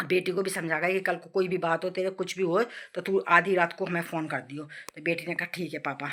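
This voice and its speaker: A woman storyteller with a lowish but bright, forceful voice, recounting a domestic drama for her vlog. She talks emphatically, repeating phrases and turning to listeners with moral asides. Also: fairly even intonation, a little fast. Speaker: vlogger storyteller.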